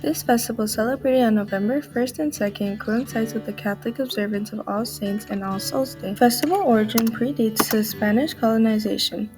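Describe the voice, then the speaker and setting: A woman's voice: a little high, brisk, hardly any pauses, music in the background. A teenage woman presenting a scripted explainer in an earnest tone. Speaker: student presenter. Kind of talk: read explainer.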